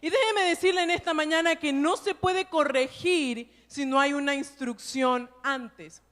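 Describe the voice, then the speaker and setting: A woman's voice: high-pitched, fairly even intonation, a little slow, a bit bright. A woman pastor preaching a sermon in a church. She tells stories and keeps checking in with her listeners through rhetorical tag questions. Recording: long church reverb.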